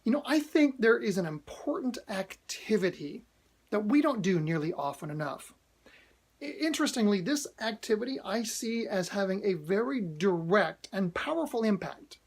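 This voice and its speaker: A man's voice: sits high, creaky. A man hosting a motivational video, talking earnestly to camera, repeating key phrases for emphasis and restarting often with fillers. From United States. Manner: hesitant restarts with frequent uhs.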